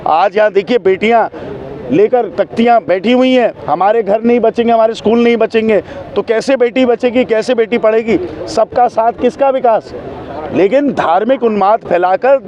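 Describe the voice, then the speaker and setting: A high-voiced man delivers an impassioned political statement outdoors. He is emphatic and repeats phrases for effect. The street recording is muffled. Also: a little mellow.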